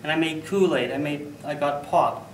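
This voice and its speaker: A man giving a humorous storytelling speech at a contest, animated, with loud bursts for sound effects. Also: on the high side, normal speed, slight background noise. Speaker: contest speaker. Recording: echoey hall, mic from far off.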